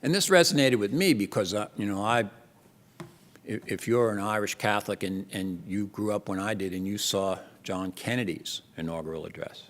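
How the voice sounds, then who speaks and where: This older keynote speaker, a Jersey City native with a New Jersey accent, talks to a conference in a big lecture hall where the sound echoes at length. His delivery is lively and chatty, with many restarts. The pitch is fairly low, the speed normal, and there's a slight hiss or hum.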